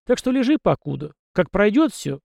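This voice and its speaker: A gruff old village elder, played by a man reading a story aloud. He talks in a raised, stern voice with a teasing edge and old-fashioned turns of phrase. The sound is dry and close. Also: high voice, big pitch swings, moderate pace, darkish tone, no room sound, pitched above the performer's own voice, full character voice. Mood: gruff, wry.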